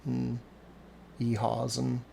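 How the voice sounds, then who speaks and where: Man, 40s, gravelly, rambling, profane, self-deprecating chatter. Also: medium pitch, monotone, takes it slowly, warm tone. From Cincinnati area, USA. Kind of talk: casual chat.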